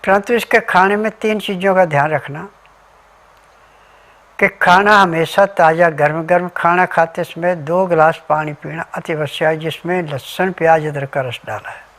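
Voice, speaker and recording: A man's voice: fairly high pitch, fairly even intonation, moderate pace, a bit bright. A man giving an instructional health talk as a remedy advisor, methodically listing ingredients and diet rules step by step.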